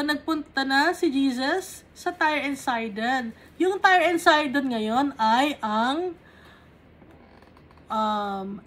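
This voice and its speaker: A woman teaching a Bible study. She reads verses aloud and then explains them patiently, step by step, checking in with short tag questions. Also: sits high. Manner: mixes English Bible reading with Tagalog explanation.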